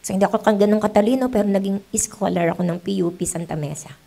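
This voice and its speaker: A woman's voice: medium pitch, fast talker, gravelly, dark tone. A middle-aged Filipino woman pastor preaching a sermon in church, mixing in English and acting out quoted voices. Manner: switches between Tagalog and English, acts out quoted voices.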